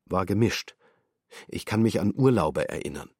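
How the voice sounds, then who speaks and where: A man's voice: sits low, animated, normal speed, a little mellow, slightly rough, no echo, studio quality. An actor playing a male defendant in his thirties, giving clipped, terse testimony in a documentary radio drama.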